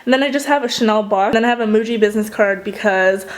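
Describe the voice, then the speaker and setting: A young woman vlogger talks fast and casually in a mid-range voice. Mild tonsillitis, from which she is recovering, leaves her sounding muffled and swallowed.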